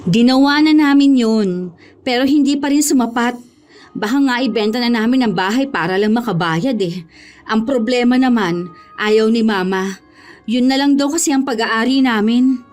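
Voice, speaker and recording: A woman's voice: fairly high pitch, normal speed, a little mellow, soft background music, close to an everyday voice. A young woman playing an anxious, debt-burdened young woman in a horror audio drama who often stammers from nerves. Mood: worried. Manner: worried, stammers when nervous.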